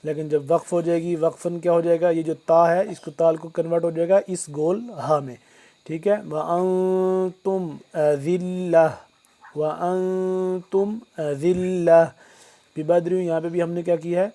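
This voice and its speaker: A man teaching Quran recitation word by word, switching between slow, drawn-out recitation and quick explanations. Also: fairly high pitch, little pitch movement, warm tone.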